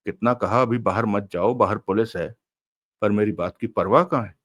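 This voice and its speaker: A man's voice: on the low side, moderate pace, a bit bright, dry recording. A man voicing a shaken male robber in an audiobook, bitter and rueful.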